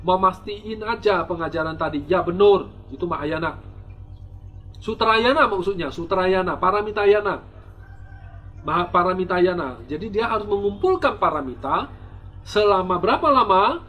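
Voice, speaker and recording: A man's voice: high-pitched, animated, normal speed, a bit bright, soft background music. A man, a Buddhist monk, giving a dharma talk and answering viewer questions with rhetorical questions, teasing humor and frequent restarts. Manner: frequent restarts and repeated words.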